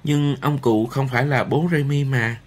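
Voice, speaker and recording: A man's voice: moderate pace, a bit bright, lightly acted. A man doing a tearful pleading young boy. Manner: high, pleading cries.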